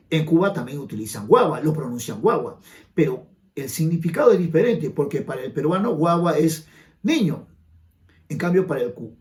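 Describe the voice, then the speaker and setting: A Peruvian man with a Peruvian Spanish accent walks through exam questions as a grammar teacher. His pitch rides high, and his voice swings up and down with emphatic rhetorical questions to the viewer. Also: darkish tone. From Peru. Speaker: language teacher. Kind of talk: exam-prep grammar lesson.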